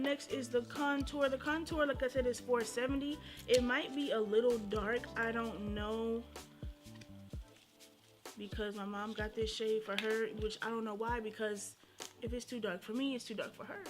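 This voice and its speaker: High-pitched young woman with slight retainer lisp. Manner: sassy, playful, slangy. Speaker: beauty vlogger. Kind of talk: casual chatty first-impression makeup review. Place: indoors at home. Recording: music playing behind the voice.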